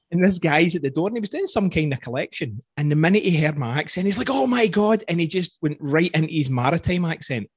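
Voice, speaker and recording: A man's voice: fairly high pitch, brisk, breathy edge, no room sound, studio quality. A middle-aged man with a Scottish accent, hosting a casual interview. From Scotland. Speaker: interview host.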